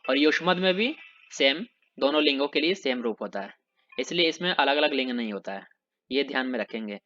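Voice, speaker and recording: A man teaching Sanskrit grammar, slowly reciting word forms one by one and then explaining them in plain, simple terms. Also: mid-range voice, expressive, pushed and bright, dull audio. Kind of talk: recorded grammar lesson.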